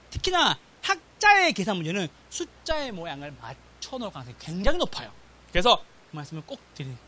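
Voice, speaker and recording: A man lecturing an exam-prep class in a classroom, his pitch leaping up and down as he talks. He fires short questions at the students, answers them himself and keeps asking whether they follow. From South Korea. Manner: animated, drills students with rapid question-and-answer, repeats "got it?". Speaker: real estate exam instructor.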